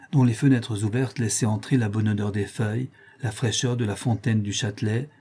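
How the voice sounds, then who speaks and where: A man narrating a novel aloud in a measured, expressive reading. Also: mid-range voice, slightly rough. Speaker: audiobook narrator.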